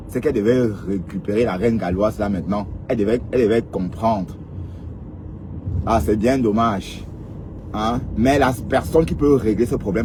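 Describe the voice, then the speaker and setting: A man's voice: mid-range voice, slight background noise. A man, commenting on online drama in a casual way, speaking straight to his viewers and often asking a rhetorical "hein?". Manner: rhetorical, peppers talk with questioning "hein?". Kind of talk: casual live commentary on social media drama.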